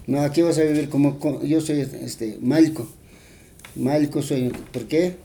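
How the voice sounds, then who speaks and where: A man's voice: a little high, steady tone, a little slow, mellow, slight background noise. A man with a Bolivian Spanish accent, retelling a folk tale in an interview, rambling and full of fillers and tag questions.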